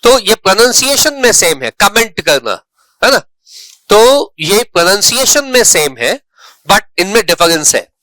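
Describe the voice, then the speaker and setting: A man's voice: sits high, sing-song, sharp tone, dry recording. A man giving an online English spelling lesson, repeating example words and checking in often. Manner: explains slowly, repeats words, checks in with "right". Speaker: English teacher.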